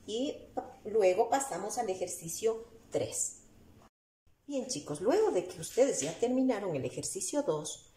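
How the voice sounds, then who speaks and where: A woman teacher with an Ecuadorian Spanish accent explains a lesson slowly, step by step, asking her students rhetorical questions as she writes on the board. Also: medium pitch, very animated, dark tone, a little hiss or hum. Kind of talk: recorded class lesson. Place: room with a whiteboard. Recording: echoey room.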